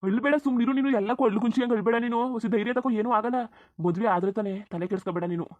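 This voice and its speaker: A devoted young village lover in a cartoon, voiced by an actor, talking quickly and soothingly in a rural Kannada accent. He keeps calmly insisting that everything will be fine. The sound is dry and a little dull, like a cheap home recording. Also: mid-range voice, dry recording, natural voice. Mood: consoling. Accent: rural Karnataka Kannada. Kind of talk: cartoon voice acting.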